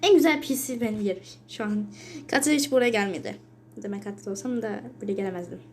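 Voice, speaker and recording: A young woman commenting casually on her own gameplay, excitable, muttering and whispering to herself between sudden yells and shrieks when she is chased. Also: mid-range voice, quick pace. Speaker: gaming channel host.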